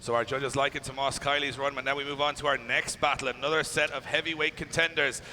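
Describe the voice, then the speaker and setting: A man's voice: medium pitch, fairly even intonation, fast talker, bright, forceful tone. A man working as motorsport commentator and event announcer, chatty and emphatic as he hypes live racing. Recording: clear engine and outdoor track noise.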